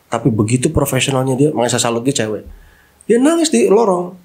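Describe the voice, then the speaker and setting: A man in casual podcast chat, a hotel manager who tells animated stories and mixes English phrases into his talk. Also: mid-range voice, fast.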